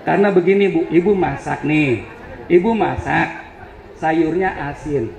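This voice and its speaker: A man's voice: on the high side, measured pace, vocal fry, darkish tone, a little hiss or hum. A male preacher telling a joking, teasing story in a sermon. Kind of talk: humorous sermon. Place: event hall on a campus. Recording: echoey hall with faint crowd.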